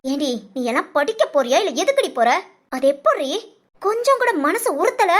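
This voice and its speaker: A woman's voice: very high voice, big pitch swings, normal speed. A scornful rich mother-in-law. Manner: shouting insults, contemptuous. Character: harsh rich middle-aged mother, scornful and domineering. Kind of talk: storybook voice acting.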